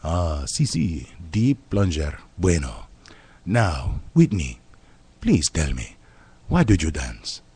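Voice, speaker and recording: A man's voice: deep voice, huge pitch swings, a little mellow, slightly rough, full character voice. A man playing a suave, pompous Latin male talk show host with a put-on Spanish accent in a comedy radio sketch. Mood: smooth. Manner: pompous, slow and self-assured.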